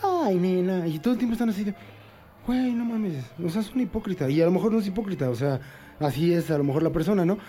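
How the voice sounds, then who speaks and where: A man co-hosting a podcast, full of slang and crude jokes. His voice is high-pitched but soft and mellow. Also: racing. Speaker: podcast co-host. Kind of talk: casual podcast banter.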